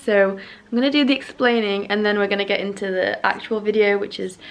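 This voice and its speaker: A woman's voice: medium pitch, fairly even intonation, brisk, vocal fry, poor audio. A young woman talking casually and chattily like a fitness vlogger, rambling a little and repeating words for emphasis. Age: young adult. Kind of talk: casual chatty vlog and workout voiceover.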